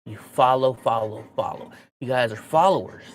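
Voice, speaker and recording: A medium-pitched, animated man speaks at a moderate pace. This American streamer and host, missing his front teeth, delivers a candid, swearing-filled rant to his viewers, rambling casually and bluntly.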